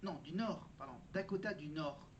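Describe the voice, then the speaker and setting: A man's voice: a little high, normal speed. A man talking casually in a vlog, sharing trivia and often correcting himself as he goes. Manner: chatty, self-correcting, presents trivia. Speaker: vlogger. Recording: dull lo-fi sound with faint background noise.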